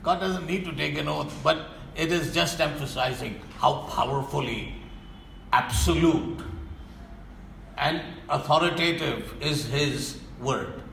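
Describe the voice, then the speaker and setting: A man preaching a sermon in an emphatic, stern way, often sinking to a low voice to press a point. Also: slow pace, vocal fry, a bit bright, roomy sound, slight background noise, rough recording.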